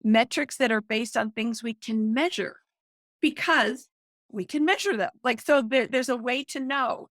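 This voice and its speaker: Excited woman guest, dry close sound. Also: on the high side, a little slow, dry recording. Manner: excited, emphatic explaining. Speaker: guest, author and counselor. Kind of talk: conversational podcast interview.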